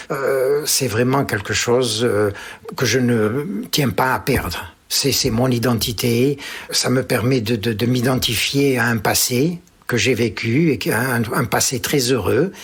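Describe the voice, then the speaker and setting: In his seventies and born in Algeria, this interviewee speaks with a Pied-Noir French accent as he recalls his childhood, full of hesitations and restarts. His medium-pitched voice is unhurried, fairly bright, and slightly rough.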